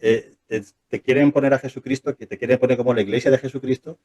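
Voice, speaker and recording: A man speaks quickly in a casual interview, his voice dark and mellow. He keeps doubling back with restarts and firing off rhetorical questions, animated the whole way. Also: medium pitch. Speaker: interview guest, former church member.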